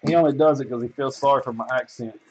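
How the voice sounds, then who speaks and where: A man's voice: mid-range voice, fast talker, muffled recording, noisy background. A man hosting a sports card break, reading out team assignments and chatting loosely with viewers, swearing freely. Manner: loose, profane, rambling talk to viewers.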